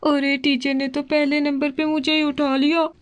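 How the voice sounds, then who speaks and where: A woman's voice: high-pitched, level tone, moderate pace, close to an everyday voice. A woman voicing a timid little girl doll who is scared of tests, talking in an anxious, stammering way in a doll play story. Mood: nervous.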